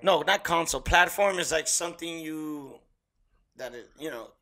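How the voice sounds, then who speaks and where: A hoarse man co-hosting a casual podcast, hyped and rambling, joking often. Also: fairly high pitch, moderate pace, crowd noise. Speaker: podcast co-host. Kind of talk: casual chat.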